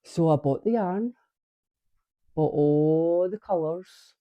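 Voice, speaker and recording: Speaking slowly in a low voice, this woman vlogs about her knitting from home into a camera on a tripod. The recording is dry with the highs cut off, and her sinus congestion shows as she rambles chattily and breaks off partway through sentences.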